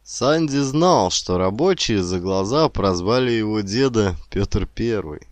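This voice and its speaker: A man reading a story aloud as narrator in a calm, even manner. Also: fairly low pitch, a little slow, no echo. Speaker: audiobook narrator. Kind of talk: scripted narration.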